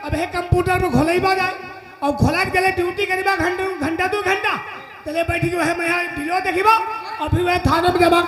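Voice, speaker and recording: Comic relief: a man as a joking village watchman, very high, roomy crowd sound. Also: steady tone, brisk. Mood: bumbling. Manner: bumbling, joking. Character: comic rustic night watchman at a police station. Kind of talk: live folk stage comedy. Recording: echoey live stage with crowd noise.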